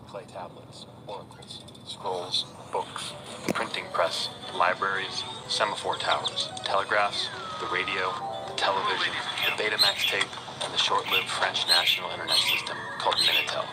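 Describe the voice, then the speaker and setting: A man giving wry, measured scripted documentary narration. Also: low voice, fairly even intonation. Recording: voice-over over loud music.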